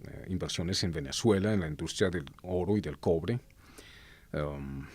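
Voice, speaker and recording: Man, born in Colombia, very low voice, earnest political commentary, hesitant fillers, self-corrections, dry close recording. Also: measured pace, a little mellow, slightly rough, dry recording.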